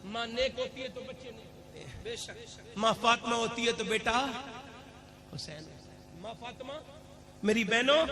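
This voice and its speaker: A male preacher delivering a religious sermon to a gathering, impassioned and rising to shouts as he addresses the crowd. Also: high voice. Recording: live gathering with crowd noise. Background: audible crowd.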